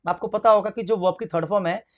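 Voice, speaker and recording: A man's voice: high voice, steady tone, dull audio. Hindi-accented male English teacher. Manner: asks questions then answers them, spells words out slowly. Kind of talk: exam-prep grammar lesson.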